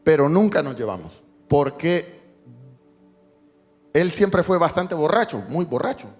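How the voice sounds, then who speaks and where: Male preacher with a higher-pitched voice telling a story with jokes and hushed tender moments; reverberant sanctuary sound with soft music behind. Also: big pitch swings, measured pace. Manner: storytelling with jokes, dropping to a hushed tone for emotional parts. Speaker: pastor. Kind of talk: sermon. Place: church sanctuary. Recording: long hall reverb, faint music behind.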